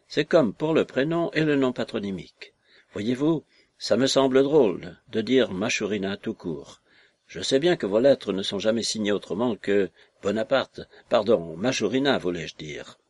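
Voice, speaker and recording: A man reading aloud who voices a shrill, mocking and fawning little lame man, raising his voice to a yelp. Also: normal speed, slightly rough. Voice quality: yelping, shrill. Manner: mocking, ingratiating, exclamatory. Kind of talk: audiobook character voice.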